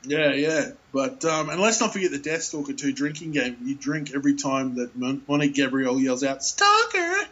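A man's voice: mid-range voice, steady tone, fairly quick, hardly any pauses, fairly bright tone. Man, casual talker, rambles with fillers and laughs, muffled lo-fi audio. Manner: rambling, many fillers and restarts, laughs often. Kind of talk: casual chat about films.

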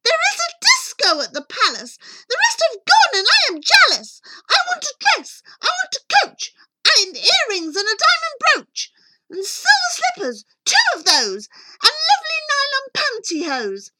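Shrieking, demanding storybook Cinderella. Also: female voice, very high voice, huge pitch swings, a little slow, heavy background noise, pitched above the performer's own voice, heavily acted. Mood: demanding, jealous. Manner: bellowing, shrieking, impatient. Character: demanding, hot-tempered young woman, storybook Cinderella.

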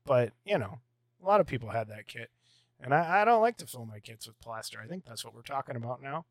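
Goofy co-host dude, jokey asides, mid voice, dry sound. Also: male voice, mid-range voice, very animated, quick pace, no room sound. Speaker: co-host of a model kit show. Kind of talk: casual chat.

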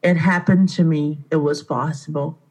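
On a rough recording, a radio interview guest in her thirties recounts her life with earnest feeling, frequently starting her sentences over. She runs an art studio, comes from Brazil, and speaks English with a Brazilian Portuguese accent. Her low-pitched, darkish voice keeps a fairly even intonation at a moderate pace.

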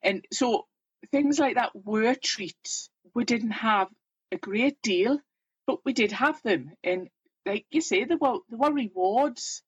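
Fairly high-pitched and a bit husky, this fifty-something Geordie guest shares frank stories about her life, talkative, straightforward and self-deprecating. The audio is close-miked with no room sound, slightly dull and muffled.

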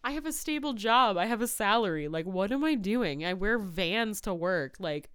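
A woman's voice: mid-range voice, animated, moderate pace, fairly bright tone, clean tone, no echo, studio quality. A woman in her thirties co-hosting a casual chat, swearing freely, laughing often and telling stories with animation. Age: 30s. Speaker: podcast co-host. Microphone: no pop filter.

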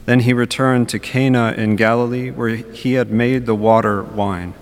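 A man's voice: mid-range voice, fairly even intonation, moderate pace. A young adult man reading the gospel and preaching in a large church, speaking in earnest short phrases, with a cathedral echo. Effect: cathedral echo, long church reverb. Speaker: preacher at a Mass. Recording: long reverb of a large church.

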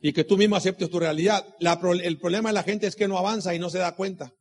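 Husky-voiced man giving a motivational talk. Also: high voice, fairly even intonation, quick pace. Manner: preachy, asks rhetorical questions and repeats key lines; tells personal anecdotes. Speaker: motivational speaker at a business meeting. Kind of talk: motivational talk to a live audience.

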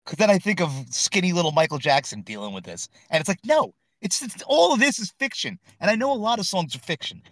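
Lively-voiced man bantering in a car. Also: sits high, fast talker, few pauses, no echo. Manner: joking, profane banter. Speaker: podcast co-host. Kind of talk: casual chat.

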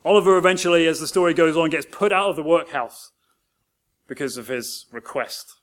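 High-voiced male preacher. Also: fairly quick. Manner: earnest storytelling preacher. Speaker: pastor. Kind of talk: sermon.

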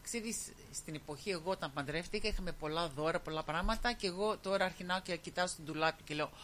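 A woman's voice: lowish voice, fairly bright tone, slight background noise. A woman visiting a radio studio as a guest, chatting in an easygoing way. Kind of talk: casual radio chat.

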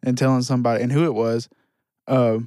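A man's voice: mid-range voice, steady tone, fast talker, dark tone, clear, resonant tone, no echo, clean studio sound. A man in his twenties chatting casually on a podcast, reflective and hesitant with many fillers. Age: 20s. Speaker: podcast co-host. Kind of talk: casual chat.

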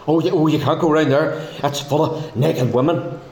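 A dopey, simple-minded Northern Irish man, acted by a man in a stage farce. He is high-pitched and excitable, tripping over repeated words. The sound is very echoey. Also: moderate pace, a little hiss or hum, lightly acted. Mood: dopey, eager. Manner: dopey, stammering repetitions. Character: dim, excitable, simple-minded male sidekick.

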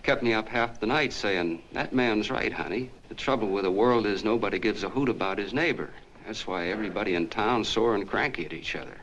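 An actor playing an earnest small-town soda fountain clerk, telling a long story in a folksy, rambling, chatty way, in 1940s film acting. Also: male voice, on the low side, brisk, few pauses, fairly bright tone, a little hiss or hum, low-quality recording. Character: earnest small-town soda jerk, middle-aged man.

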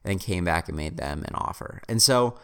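A man's voice: sits low, animated, fairly quick, clean tone. A man in his twenties casually telling a story about reselling garage-sale finds, rambling with restarts and wry self-mocking humor. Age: 20s. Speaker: reseller vlogger.

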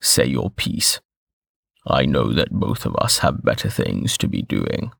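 A man voicing a blunt, smug middle-aged male information broker with a rough, gravelly voice. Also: very deep voice, animated, a little slow, fairly bright tone, dry recording, clean studio sound, pitched below the performer's own voice, full character voice. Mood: curt.

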